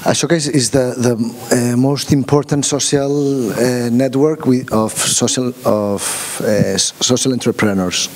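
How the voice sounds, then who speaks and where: This is a man of medium pitch and steady tone, speaking hesitantly at an informal workshop in a conference room. He keeps stopping and starting, leans on fillers, and questions the room. The sound has a long hall echo with faint hiss underneath.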